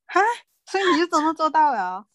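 A woman's voice: high-pitched, big pitch swings, fairly quick, fairly bright tone, dry recording. A woman co-hosting a casual podcast chat, asking thoughtful follow-up questions and laughing along. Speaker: podcast co-host.

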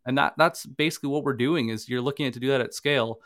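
A man's voice: mid-range voice, fast talker, fairly bright tone, no echo, clean studio sound. Canadian man hosting a live webinar. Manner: conversational, uses homely examples, slight stammers. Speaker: podcast and workshop co-host. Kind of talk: casual live webinar talk.

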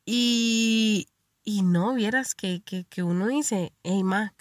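Costa Rican woman, young adult, podcast host; chatty, rambling storyteller with a slightly high voice, dry close sound. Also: slow pace, dry recording. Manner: chatty storytelling with frequent fillers. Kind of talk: casual monologue.

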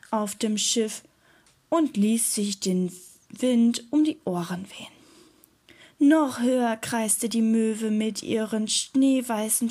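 Slow, gentle woman reading a children's story. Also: on the high side.

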